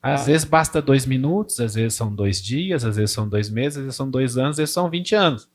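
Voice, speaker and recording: A man's voice: mid-range voice, expressive, a little fast. A man, a pastor giving a conversational sermon who tells stories and acts out prayers. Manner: informal, storytelling, acts out prayers and dialogue with God.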